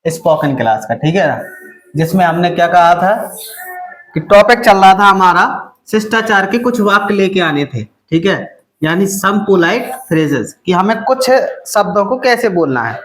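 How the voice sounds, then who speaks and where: A man with an Indian accent teaching a spoken English lesson, often quizzing his students with questions and repeating phrases slowly. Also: sits high, animated, a bit bright. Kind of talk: classroom lesson.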